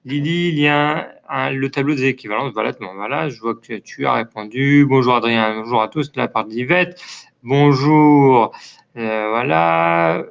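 A man's voice: mid-range voice, moderate pace, gravelly, smooth, lo-fi sound. A French man running a live online chat as community manager, reading out viewers' comments and answering them in a friendly, casual way, with many hesitations and a dry throat.

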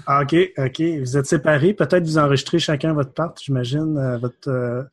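A man's voice: medium pitch, fairly even intonation, normal speed. A man hosting a podcast, asking curious, hesitant questions. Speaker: podcast host. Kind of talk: casual interview.

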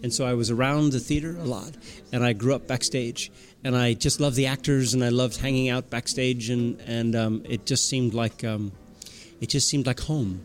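A man's voice: medium pitch, steady tone, moderate pace. A man from the United States answering interview questions, telling his story in a reflective way. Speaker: actor interview guest.

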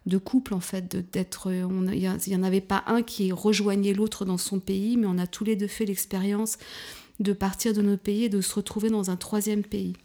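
A woman in her fifties from France, speaking as an interview guest in a hesitant way, with many fillers, restarts and soft, half-whispered stretches. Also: mid-range voice, little pitch movement, normal speed. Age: 50s. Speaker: guest, couples therapist. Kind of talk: casual interview talk.

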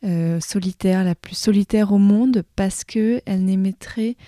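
A woman's voice: mid-range voice, unhurried, mellow, no echo, studio quality. A woman leaving a casual spoken message as a listener, thinking aloud as she goes.

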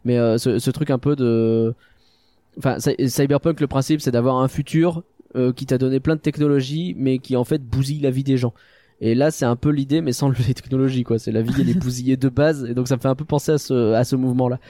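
Parisian french guy hosting a film chat, mellow voice, super dry sound, slangy and jokey. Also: medium pitch, steady tone, fairly quick, no echo. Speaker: podcast host. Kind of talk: casual film discussion.

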